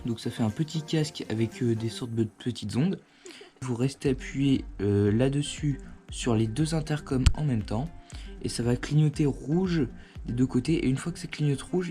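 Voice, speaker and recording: Warm in tone and medium in pitch, this man's voice carries a casual, hands-on product demo recorded indoors at his home. He hosts a motorcycle gear review channel and keeps his explanations informal and conversational.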